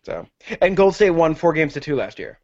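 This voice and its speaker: A man on a casual podcast with a fairly high voice. He talks in a hesitant, wry way, stopping on fillers and restarting his sentences. The recording sounds dull and muffled. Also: sing-song, a little fast, darkish tone. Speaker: podcast co-host. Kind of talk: casual chat.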